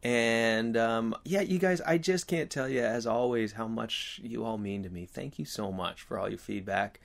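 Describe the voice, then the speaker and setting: A man chatting casually to his viewers as host, earnest and reflective, with halting, rambling phrasing and a slight whistle on his s sounds. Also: mid-range voice, creaky. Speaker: video host.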